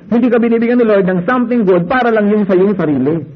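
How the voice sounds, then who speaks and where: A Filipino man preaching a sermon with a slightly high, husky voice. He mixes Tagalog and English freely and keeps asking his listeners rhetorical questions. The recording is muffled and lo-fi. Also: fast. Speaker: pastor.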